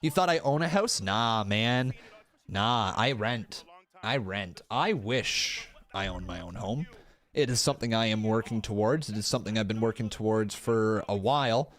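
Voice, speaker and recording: Animated thirty-year-old man streaming live. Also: on the low side, normal speed. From Canada. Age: 30s. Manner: animated, talks straight to chat, swears, jokes at himself. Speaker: pro wrestling streamer. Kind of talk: casual live-stream watch-along chat. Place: room in his rented home.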